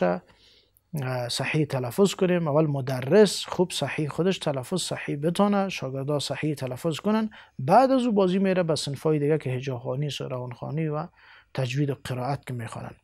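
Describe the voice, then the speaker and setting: A man with an Afghan Dari accent giving a televised Quran lesson, spelling letters out slowly and pausing often. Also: fairly high pitch, creaky, a little mellow, dry recording, clean studio sound. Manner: deliberate, spells out letters slowly, many hesitations. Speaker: Quran teacher.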